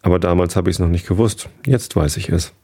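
A man doing a gentle, shy tall man. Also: sits low. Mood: sheepish. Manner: soft, quiet, halting.

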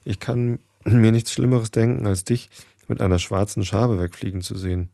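A caring female goose who gives solemn, earnest advice, as a man reading aloud does her. The voice is low and gravelly. It sounds dry and close, as if read at home. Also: fairly even intonation, moderate pace, warm tone, dry recording.

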